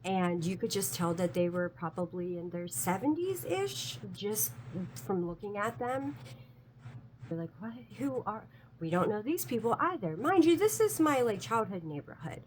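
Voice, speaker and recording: A woman's voice: mid-range voice, lively intonation, normal speed, a little hiss or hum, low-quality recording. A woman telling a personal story in a casual, chatty way, full of "like" fillers, earnest about it being true.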